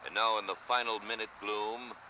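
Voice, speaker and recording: A man delivering scripted football documentary narration in a grave, measured way. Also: on the low side, fairly even intonation, background noise.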